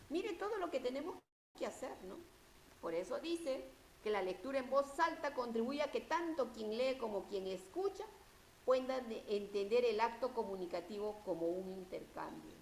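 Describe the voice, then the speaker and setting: A woman teacher lectures in a fairly high voice, explaining step by step and often tagging her points with a rhetorical question. The sound is echoey, with a faint hiss behind it. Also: animated, moderate pace. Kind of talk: university-level lecture.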